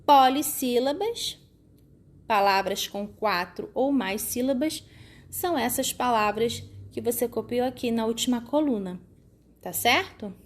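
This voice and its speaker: Woman teacher, slow and patient with kids, a touch high-voiced, keeps checking that they follow and stretches words into syllables. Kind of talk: recorded classroom lesson for children.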